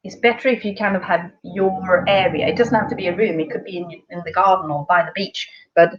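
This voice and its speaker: A woman's voice: lowish voice, steady tone, a little fast, highs cut off. A woman teaching an online English lesson, chatty and encouraging with her students.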